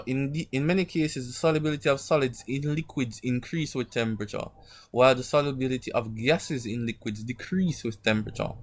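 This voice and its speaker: A man teaching an online lesson informally, his speech slightly muffled by a sore mouth, often checking in with short tag questions. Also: mid-range voice. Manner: didactic, frequent check-in tags like "right?" and "okay?". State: sore mouth from an emerging wisdom tooth. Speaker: chemistry teacher. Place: online class over screen share.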